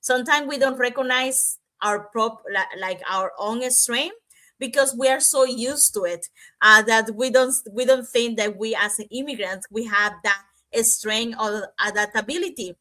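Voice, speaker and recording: Bright, lively woman from Cuba. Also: fairly high pitch, a little slow. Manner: animated, searching for words with restarts and "you know". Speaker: panelist, nurse. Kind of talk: panel discussion.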